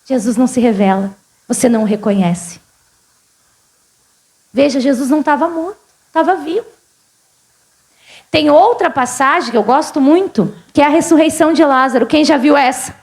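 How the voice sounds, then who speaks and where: Uma pastora gaúcha de voz bem aguda prega num culto. Ela fala com a congregação como numa conversa e faz perguntas o tempo todo. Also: female voice, high-pitched, moderate pace, pauses often, a little mellow. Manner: conversational, questions the congregation often. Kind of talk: sermon. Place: church service.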